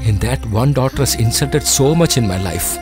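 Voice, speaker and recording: A man dubbing a stubborn, wounded father in an English film dub, speaking flatly and sullenly. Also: medium pitch, normal speed, lightly acted. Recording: film soundtrack with music. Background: film score.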